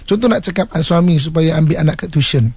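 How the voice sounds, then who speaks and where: A Malaysian man teaches religion on the radio, acting out little examples as he explains. His voice sits high and has a husky grain. The studio sound is close and dry. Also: fast, a little mellow, no echo. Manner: explanatory, acts out short examples with shifting intonation.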